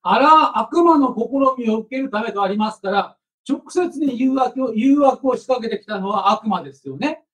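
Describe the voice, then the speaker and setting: A man's voice: extremely high pitch, lively intonation, normal speed, few pauses, a bit bright, far from the mic, low-quality recording. A male pastor leading a prayer and preaching a sermon, earnest and conversational, with frequent fillers.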